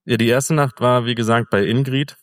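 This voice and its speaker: A middle-aged man as an interview guest, telling a travel story in a relaxed, rambling way with fillers. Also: medium pitch, normal speed, no echo, studio quality, in a large hall. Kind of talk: casual conversational storytelling.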